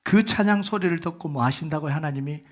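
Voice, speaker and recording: Male pastor, high-pitched, animated sermon storyteller. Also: quick pace. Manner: animated storytelling, swings from loud exclamations to hushed whispers.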